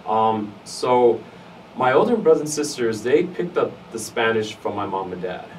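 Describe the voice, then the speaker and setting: A man's voice: mid-range voice, sing-song, normal speed. A middle-aged man with an East L.A. accent giving conversational interview answers, emphatic and given to repeating phrases in lists. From United States, East Los Angeles area. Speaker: interviewee, fraternity alum. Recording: noisy, distant mic, room ambience.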